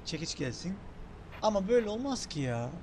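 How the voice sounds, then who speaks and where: Excitable high-voiced young man gaming. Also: a little fast, slight background noise. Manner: excitable, thinks aloud, swears casually. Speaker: gaming channel host. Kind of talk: casual let's-play commentary.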